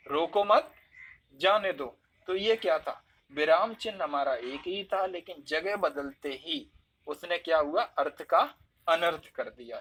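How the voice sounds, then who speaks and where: A man's voice: on the high side, a bit bright, breathy edge. A man teaching a spoken lesson, explaining step by step and acting out examples with shifting stress and intonation.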